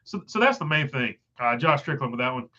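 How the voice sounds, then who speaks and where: Expressive and fairly quick, this man speaks in a mid-range voice that is pushed and bright, recorded with the highs cut off. He's a congested livestream host with a fading voice, rambling casually through chat with lots of fillers.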